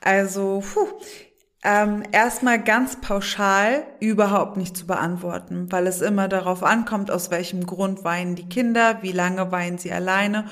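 A woman's voice: mid-range voice, fairly even intonation, a little slow, a bit bright. A woman speaking as a guest in a podcast interview, explaining thoughtfully and sometimes acting out soothing phrases. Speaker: guest, childhood educator and resilience trainer.

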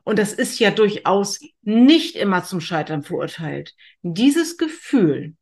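A woman's voice: mid-range voice, animated, slow, a little mellow. A woman co-hosting a casual podcast, encouraging and teasing her partner. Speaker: podcast co-host. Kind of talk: casual chat.

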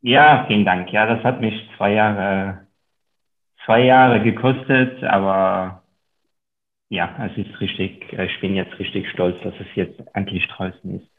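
A man in his thirties from Luxembourg, an investor and author, is a guest on a podcast interview, speaking with a French accent in a somewhat low, unhurried voice. He talks hesitantly with many ums over a tinny, phone-like line.

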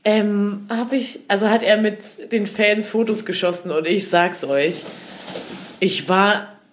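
Casting: young woman, excitable podcast co-host, quick giggly storytelling. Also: medium pitch, a little hiss or hum. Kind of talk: casual chat.

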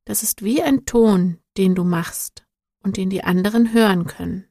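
A woman reading a storybook, voicing a calm, patient male guide who explains things gently. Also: mid-range voice, moderate pace, vocal fry, no echo, studio quality.

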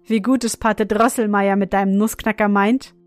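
Woman reading a serious gentle mother. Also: medium pitch, fairly even intonation, dry recording, faint music behind, close to an everyday voice. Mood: earnest. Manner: earnest, measured.

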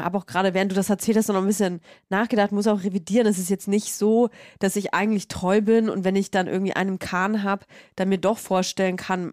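A woman's voice: mid-range voice, a little mellow, no echo, studio quality. A woman co-hosting a podcast in casual chat, making blunt, wry asides and hesitating when she thinks aloud. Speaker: podcast co-host.

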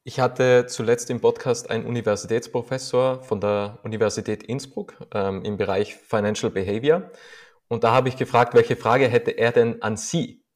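A man's voice: mid-range voice, steady tone, moderate pace. A man hosting a podcast, asking questions and thanking his guest in a polite, formal way. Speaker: podcast host. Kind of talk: interview questions and outro.

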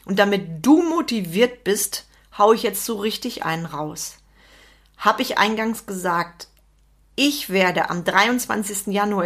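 A woman's voice: mid-range voice, fairly bright tone. Emphatic German woman coaching listeners. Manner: emphatic, repeats key phrases, addresses listener directly. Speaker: podcast host and business coach. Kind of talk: motivational podcast monologue.

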